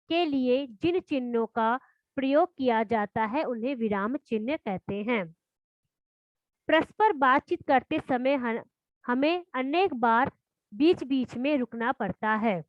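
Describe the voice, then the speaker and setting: High-voiced woman teaching grammar. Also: no room sound. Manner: reads definitions slowly, then explains with questions to pupils. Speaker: school teacher. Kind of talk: classroom grammar lesson. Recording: dull lo-fi dry recording.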